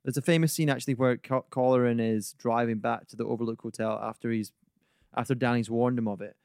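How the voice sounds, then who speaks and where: A man's voice: mid-range voice, steady tone, quick pace, darkish tone, clear, resonant tone, no echo. Rambling podcast man, dry sound. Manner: rambling with many ums and likes. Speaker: podcast co-host. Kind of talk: casual podcast chat.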